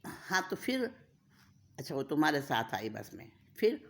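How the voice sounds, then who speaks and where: A woman's voice: sits low, sing-song, a little slow, fairly bright tone, full character voice. A woman voicing a caring older sister who speaks in a soothing, coaxing way.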